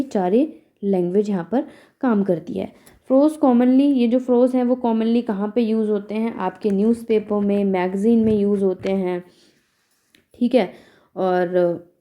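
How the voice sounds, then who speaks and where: A young woman teacher gives an exam revision lecture in a soft, mellow voice that sits a little high. She moves between Hindi explanations and slowly read English points. She keeps asking questions and answering them herself.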